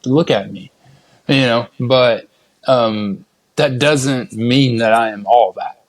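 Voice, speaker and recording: A man's voice: medium pitch, slow, dry recording, poor audio. A man hosting a podcast in a casual, conversational style. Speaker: podcast host. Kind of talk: casual chat.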